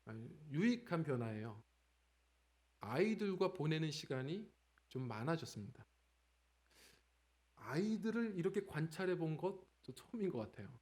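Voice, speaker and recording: A male pastor preaching in a church, his pitch swinging freely as he tells stories from family life. His voice sits a little above the usual man's, animated and conversational rather than solemn. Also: moderate pace, pauses often. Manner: conversational preaching with lively storytelling. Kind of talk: sermon. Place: church sanctuary.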